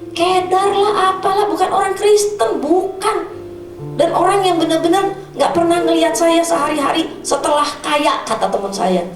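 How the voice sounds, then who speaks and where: A high-pitched woman in her fifties preaches in a casual, lively way and slips into voices for the people she quotes. She is heard from some distance in an echoey hall, with instrumental music playing behind her. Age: 50s. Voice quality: slight cough. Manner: colloquial and animated, acting out quoted voices. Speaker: evangelist preacher. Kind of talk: sermon with personal testimony.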